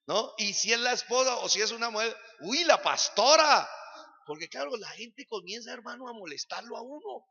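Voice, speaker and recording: High-voiced, gravelly pastor preaching. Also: male voice, animated, fairly quick, few pauses, pushed and bright. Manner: preaching with rhetorical questions to the congregation. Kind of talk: sermon. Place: church sanctuary. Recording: long church-hall reverb, dull lo-fi sound.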